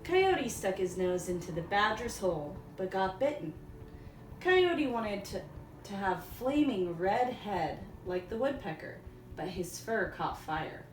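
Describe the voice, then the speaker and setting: A woman teacher reading a storybook aloud for young children, in simple, deliberate phrases. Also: mid-range voice, sing-song. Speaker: elementary school teacher. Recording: echoey room, distant mic, faint noise.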